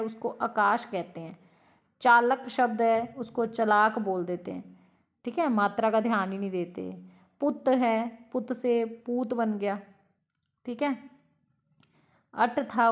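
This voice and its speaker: A woman teacher giving a lecture, who explains slowly, repeats each example word and asks her class questions. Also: fairly high pitch, a little mellow.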